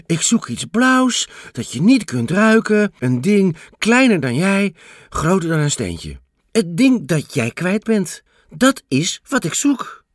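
A man voicing a patient, kindly grandmother in a storybook reading, gentle and musing. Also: high-pitched, very animated, takes it slowly, dry recording, studio quality, voice pushed up, exaggerated voice.

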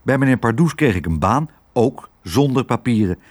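A man voicing a gruff, short-tempered father in a storybook reading, a little lower than his own voice. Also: expressive, moderate pace, lightly acted.

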